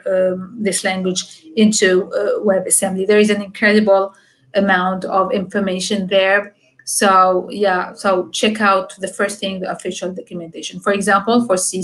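A woman's voice: mid-range voice, rough recording. A young woman presenting a technical talk on a video call at an online meetup, explaining step by step with frequent fillers and "okay?" check-ins. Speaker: conference speaker. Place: home room, video call.

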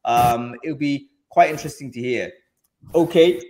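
A man's voice: medium pitch, normal speed, dark tone. Chatty male host on a video call. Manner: friendly, chatty, many restarts and fillers. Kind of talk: live video-call panel hosting. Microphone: over-ear headset on a video call.

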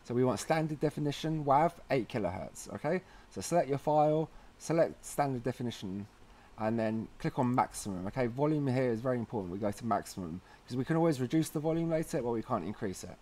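A fast-talking man with a mellow, mid-range voice hosts a how-to video series. Animated and chatty, he gives informal tutorial narration that explains everything step by step.

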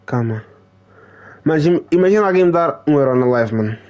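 Live-streaming a football game, this young gaming streamer speaks with a European Portuguese accent, trash-talking excitedly and repeating himself in loose chatter. His pitch is on the high side and his pace brisk, though the recording sounds muffled.

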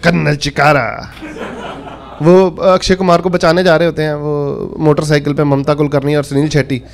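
Holding a handheld mic on a club stage, a comedian in his thirties spins lively stories before a live audience, voicing quoted characters differently. His voice sits on the high side and is creaky, with a moderate pace, while the crowd laughs.

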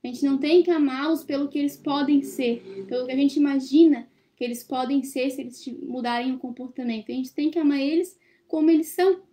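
Young woman, study-group presenter; high and warm, reflective and questioning, laptop webcam in a small room. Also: fairly even intonation, a little fast, few pauses. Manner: thoughtful, questioning the listeners. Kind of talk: reflective teaching talk. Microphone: laptop webcam on a video call.

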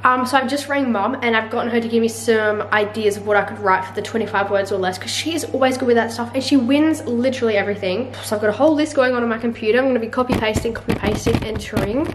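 Her voice sits on the high side, and a faint hiss or hum runs under the recording. She's a young adult vlogger talking casually to a handheld camera near her face in a small home room, chatty and fast, drifting into hushed asides.

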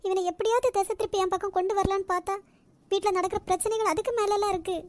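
A woman voicing a soft-spoken, lovesick young woman. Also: very high voice, steady tone, fast talker, no echo. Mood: worried. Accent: Nagercoil Tamil. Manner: soft, pleading. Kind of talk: cartoon voice acting.

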